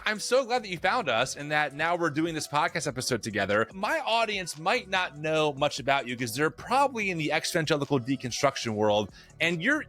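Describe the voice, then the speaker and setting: A man's voice: fairly high pitch, a bit bright. A man hosting a podcast interview, upbeat and affirming, asking long, rambling questions. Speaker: podcast host. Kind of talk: conversational interviewing.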